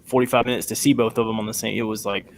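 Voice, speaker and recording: A man's voice: fairly low pitch, steady tone, racing, slight background noise. A man in casual chat, speaking hesitantly with many restarts.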